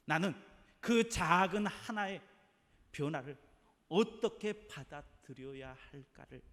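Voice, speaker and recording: A man preaching a sermon as pastor, dramatic, with hushed asides and loud emphasis. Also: mid-range voice. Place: church sanctuary. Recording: long church hall reverb.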